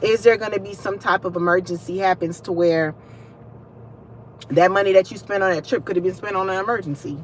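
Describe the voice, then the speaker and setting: A woman's voice: medium pitch, brisk, slight background noise. Chatty young woman venting to viewers. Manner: animated, chatty, talks to viewers directly. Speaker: livestream host. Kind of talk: casual venting livestream.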